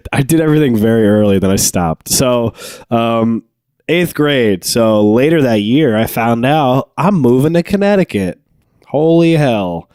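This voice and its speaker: A young man co-hosting a podcast, telling stories animatedly, laughing and jumping into high quoted voices. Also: animated, unhurried, a little mellow, clear, resonant tone, no echo, clean studio sound. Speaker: podcast co-host. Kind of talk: casual storytelling chat.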